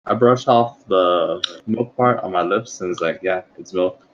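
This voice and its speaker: A man's voice: sits low, unhurried, a bit bright, dull audio. A man playing a tabletop game, describing his character's actions in a matter-of-fact way. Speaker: player. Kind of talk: tabletop game play over voice chat.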